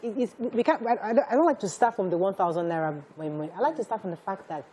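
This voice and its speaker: Mellow-voiced talk show host. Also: female voice, medium pitch, expressive, racing, a little hiss or hum. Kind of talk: casual chat.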